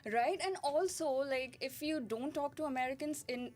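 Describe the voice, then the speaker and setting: Young woman from India, Indian accent, fairly high voice; casual, animated podcast chat. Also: normal speed, faint music behind. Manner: animated, laughs often, acts out quotes. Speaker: podcast co-host.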